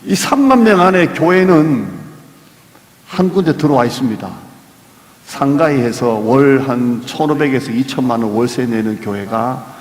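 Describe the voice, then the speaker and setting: A man's voice: mid-range voice, lively intonation, normal speed. A man preaching a sermon as pastor, emphatic, repeating key phrases and asking the congregation questions. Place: church sanctuary. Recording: echoey church hall with long reverb.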